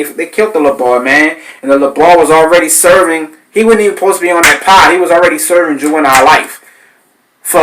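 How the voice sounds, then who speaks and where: A man, hosting a podcast and telling stories in a loose, animated way, cursing and acting out voices. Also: on the high side, low-quality recording. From New Orleans, Louisiana. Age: 30s. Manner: animated, swearing, acts out voices in his stories. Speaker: podcast host. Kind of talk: casual storytelling.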